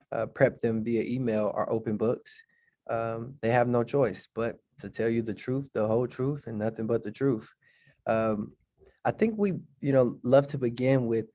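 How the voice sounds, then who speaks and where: Relaxed joking man hosting a panel. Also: medium pitch, dry recording. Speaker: host. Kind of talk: casual panel moderation.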